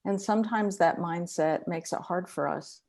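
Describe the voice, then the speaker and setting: A woman's voice: on the low side, normal speed, darkish tone. A middle-aged woman, a psychologist, hosting an online interview, asking questions with enthusiasm on a video call.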